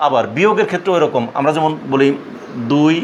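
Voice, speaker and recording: A man teaching a math class for young students, explaining step by step with many repeats, small pauses and check-in questions. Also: fairly high pitch, animated, a little hiss or hum. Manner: patient, repetitive explaining with frequent fillers and questions.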